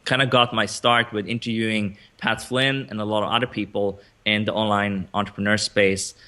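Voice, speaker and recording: A man's voice: fairly low pitch, flat delivery, moderate pace, bright, forceful tone. A man in his thirties from Sweden, a guest on a video call interview, talking casually with lots of fillers and restarts. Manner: chatty, many fillers and restarts, laughs often.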